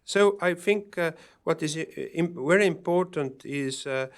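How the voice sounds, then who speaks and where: Halting man answering at a panel. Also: on the high side. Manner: halting, many fillers and restarts. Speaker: panel speaker on security policy. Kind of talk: answering audience questions at a public event.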